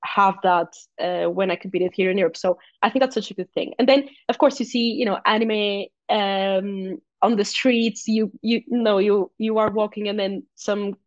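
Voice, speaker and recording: In a relaxed interview, a talkative young guest athlete with a Portuguese accent laughs easily and keeps restarting sentences, filling gaps as she goes, at a moderate pace with hardly any pauses. Her voice is mid-range, and the recording is close, dry, a little dull, and lo-fi.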